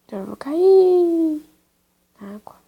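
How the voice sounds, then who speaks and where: Slow-talking young woman, high and husky. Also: sing-song, narrow, tinny audio. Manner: chatty, talks to her game dog in baby talk. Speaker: gaming youtuber. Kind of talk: casual game commentary.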